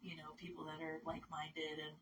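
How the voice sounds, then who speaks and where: A woman's voice: low voice, monotone, a little fast, a bit bright. A woman from Massachusetts, a musician guesting on a radio show, chatting casually with many fillers. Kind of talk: casual interview talk. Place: radio studio. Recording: distant mic with faint noise.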